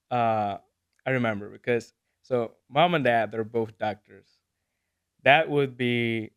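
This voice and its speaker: Smooth-voiced young man, hesitant. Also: medium pitch, a bit bright. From Venezuela. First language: Spanish. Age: 20s. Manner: hesitant, many fillers, laughs easily. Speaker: guest. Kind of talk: casual interview talk.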